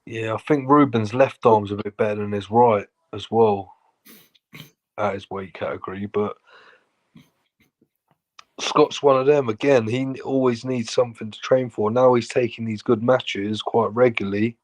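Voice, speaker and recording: An Englishman chats on a podcast in a laid-back way, swearing freely and saying "you know what I mean" while predicting arm-wrestling matches. His lowish, darkish voice stays steady at a moderate pace.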